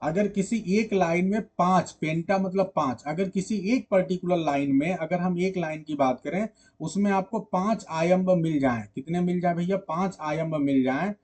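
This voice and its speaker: A man's voice: high voice, moderate pace, darkish tone. A man giving an exam-prep literature lecture, explaining patiently, repeating key points and quizzing students with rhetorical questions. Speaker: literature teacher.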